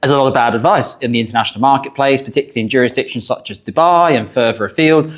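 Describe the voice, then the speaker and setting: A middle-aged man hosts a conversational financial discussion. His voice sits at an ordinary mid pitch, and he talks like an adviser explaining things to an audience. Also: very fast.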